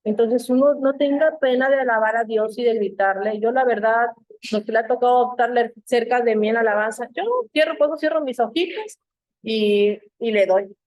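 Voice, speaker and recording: A middle-aged woman from Mexico, teaching a church Bible class in a lively storytelling manner and acting out the voices she quotes. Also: a little high, moderate pace, no room sound.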